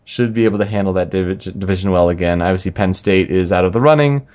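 A man co-hosting a casual sports talk show, making relaxed, talkative predictions about college football. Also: deep voice, fast. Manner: relaxed, talkative, spells out names. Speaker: sports podcast co-host.

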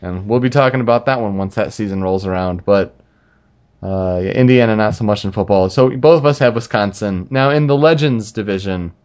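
A man co-hosting a casual sports talk show, making relaxed, talkative predictions about college football. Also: lowish voice, fairly quick. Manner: relaxed, talkative, spells out names. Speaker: sports podcast co-host.

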